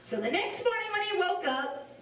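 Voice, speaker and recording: A woman with a Cajun accent telling a story to children in a playful, animated way, acting out the dialogue. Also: very high-pitched, moderate pace. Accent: Cajun Louisiana. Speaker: storyteller and face painter. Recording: echoey large room, distant mic.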